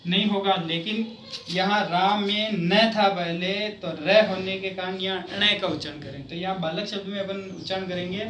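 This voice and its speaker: A man teaching a Sanskrit grammar lesson in speech, explaining slowly and chanting word forms in a sing-song way. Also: high voice, steady tone, fairly bright tone. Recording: echoey room, mic far off, noisy.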